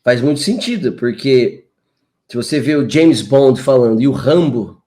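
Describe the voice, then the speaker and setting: A man's voice: medium pitch, expressive, moderate pace, warm tone. A man hosting a podcast over a video call, laid-back and slangy in casual chat. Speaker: podcast host. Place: home in Portugal.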